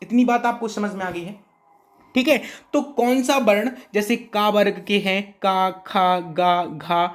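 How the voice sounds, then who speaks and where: Man, teacher, exam-prep grammar lesson, keeps asking if you follow, repeats sounds slowly. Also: high voice.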